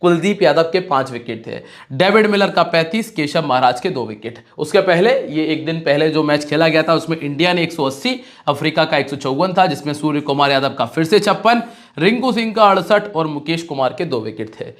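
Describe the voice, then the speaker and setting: A man's voice: on the high side, a little fast. A man talking casually to his viewers, giving fantasy cricket predictions and rattling off match stats. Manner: chatty, direct address to viewers, rattling off stats.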